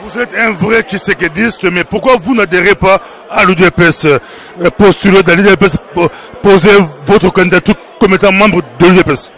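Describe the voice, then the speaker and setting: A man's voice: sits high, moderate pace, fairly bright tone, some chatter behind. A man interviewing a political activist, asking probing and challenging questions.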